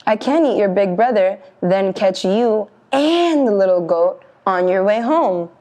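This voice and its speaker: Storybook bridge troll, male, greedy and bossy, unhurried; woman reader puts him on. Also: medium pitch, animated, dark tone, close to an everyday voice. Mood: gruff. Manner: roaring, bossy.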